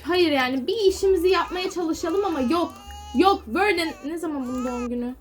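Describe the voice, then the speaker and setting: A woman's voice: extremely high pitch, fairly quick, faint music behind. A young woman giving casual gameplay commentary, chatty and exasperated, scolding the characters on screen. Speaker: gaming YouTuber.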